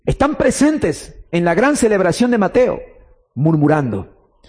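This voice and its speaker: A man's voice: sits high, sing-song, unhurried, a little mellow. A man preaching a sermon with emphasis, repeating key phrases and putting questions to the listener.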